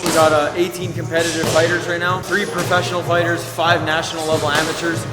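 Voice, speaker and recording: A man who coaches at a boxing gym, answering interview questions in a plain, matter-of-fact way with filler pauses. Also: a little high, little pitch movement. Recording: echoey hall with loud music.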